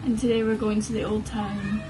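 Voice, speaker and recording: A woman's voice: mid-range voice, flat delivery, a little fast, noisy background. A young woman chatting casually and swearing freely as she films her travel vlog on a handheld camera. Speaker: travel vlogger. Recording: loud music behind.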